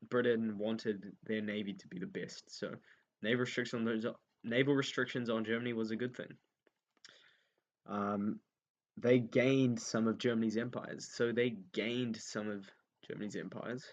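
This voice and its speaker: A man's voice: on the low side, fairly even intonation, normal speed, dull audio. A young man running an unscripted history revision lesson, thinking aloud with many ums and repeating key points as he writes them down. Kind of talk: unscripted revision lesson while writing notes.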